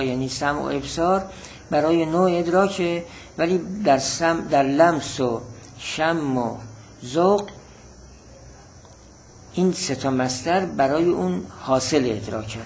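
A man's voice: on the high side, a little mellow, slight background noise, poor audio. A man teaching a religious-philosophy text lesson, reading Arabic phrases and explaining them patiently, often repeating definitions.

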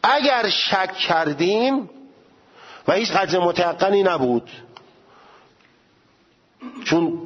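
A man's voice: fairly high pitch, slightly rough, muffled recording. A man teaching a seminary class in religious law, explaining points at length and working through examples. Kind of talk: religious jurisprudence lecture.

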